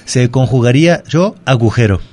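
A man's voice: medium pitch, animated, normal speed, a little mellow. A man with a Mexican Spanish accent, a language teacher explaining grammar on a radio segment in a patient, methodical way. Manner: patient, methodical, spells words out. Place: radio studio.

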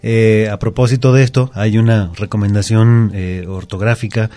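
A man's voice: on the low side, fairly even intonation, normal speed, warm tone, no room sound. A man, a grammar teacher patiently explaining spelling rules as a guest in a radio studio. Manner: patient, methodical, repeats examples.

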